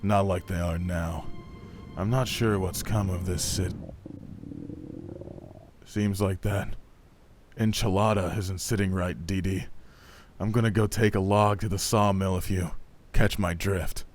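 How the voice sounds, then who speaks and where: A man playing a jaded plumber turned detective who talks in a deadpan noir-style inner monologue. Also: deep voice, a little slow, long pauses, soft background music. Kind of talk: amateur comedy film dialogue.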